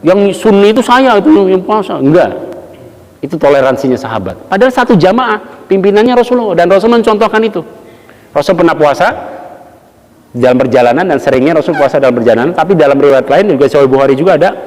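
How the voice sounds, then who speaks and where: A man's voice: a little high, lively intonation, fast talker, darkish tone. Man preaching casually in a reverberant hall. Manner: casual storytelling, acts out quotes, chuckles. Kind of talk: mosque study sermon. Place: mosque hall.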